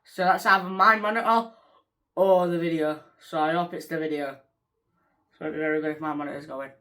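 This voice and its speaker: A woman's voice: deep voice, fairly even intonation, brisk, a bit bright. Jumpy chatty woman. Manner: chatty, jumpy and easily startled. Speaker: reaction video host. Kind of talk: casual reaction vlog.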